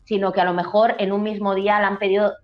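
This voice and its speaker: A woman's voice: mid-range voice, level tone, quick pace. Brief: woman, chatty guest, laughs easily; a muffled, lo-fi recording. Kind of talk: casual chat. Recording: dull lo-fi sound.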